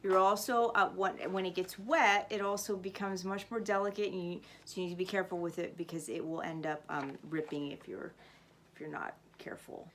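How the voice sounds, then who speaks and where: Slight background noise sits behind a woman whose fairly low, fairly bright voice keeps a steady tone at a brisk pace. She's a teacher reading a storybook and showing a craft, narrating and instructing step by step.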